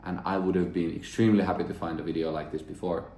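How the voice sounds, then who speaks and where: Guy talking to camera, low voice, kinda thinking out loud, echoey room. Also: flat delivery, fast talker, slight background noise. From Finland. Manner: earnest, thinking aloud with frequent restarts. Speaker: self-development vlogger. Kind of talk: reflective monologue to camera.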